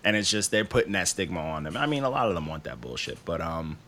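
A man's voice: deep voice, big pitch swings, fast, fairly bright tone. A man from New York hosting a casual music interview, loose and profane, laughing often. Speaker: podcast host and music reviewer.

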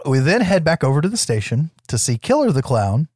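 A man's voice: fairly high pitch, very animated, fairly quick, a little mellow, husky, no echo. Casual man recapping scenes, dry recording. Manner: profane, informal storytelling. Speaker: podcast co-host.

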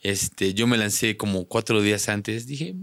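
Animated Mexican man telling a story. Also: fairly low pitch, measured pace, no room sound, studio quality. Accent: Mexican Spanish. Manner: animated, slangy, acts out quoted voices. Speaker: podcast guest. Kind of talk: casual storytelling.

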